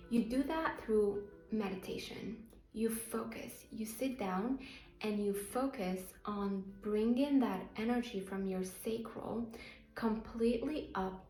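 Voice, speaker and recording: In a mid-range voice with a darkish tone, a woman from Morocco gives an earnest, emphatic self-help talk to her channel's viewers as a motivational coach, speaking with a Moroccan accent. Roomy echo and faint underlying music color the recording.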